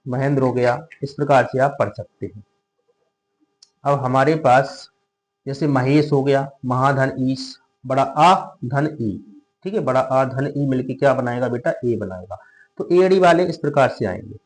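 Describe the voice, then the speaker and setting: A man's voice: mid-range voice, unhurried, poor audio. Man teaching a grammar lesson. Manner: patient, repetitive, asks questions to the students. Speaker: tutor. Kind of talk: classroom lesson explaining grammar rules.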